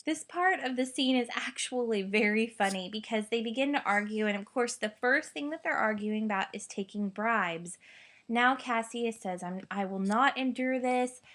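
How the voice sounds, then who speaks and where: A woman's voice: a little high, moderate pace, a bit bright. A woman teacher explaining and paraphrasing a Shakespeare scene for her class, chatty and amused.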